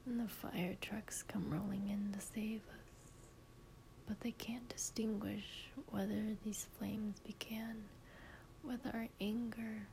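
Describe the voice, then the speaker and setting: Female, intimate whispered role-play, tender partner murmuring to a head in her lap; dark, unhurried delivery over faint room noise. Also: mid-range voice, low-quality recording. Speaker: intimate partner reading poetry aloud to the listener.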